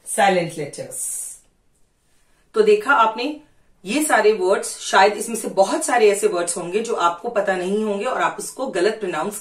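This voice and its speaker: A woman teaching English pronunciation, switching between Hindi and English and repeating each word slowly to drill it. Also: medium pitch, distant mic. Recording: roomy echo.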